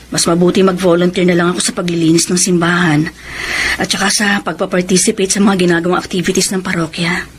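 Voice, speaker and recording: A Filipino woman with a fairly low, level, everyday-sounding voice speaks quickly over a faint hiss or hum. In an emotional Tagalog radio drama, she plays a lonely, devoted, long-suffering middle-aged wife and mother, sounding sad, earnest, and plaintive.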